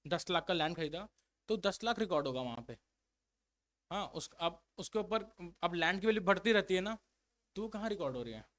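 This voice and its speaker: High-voiced male accountancy tutor. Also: fairly bright tone. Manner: explains in simple steps, reads English definitions slowly then restates them. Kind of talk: classroom lecture.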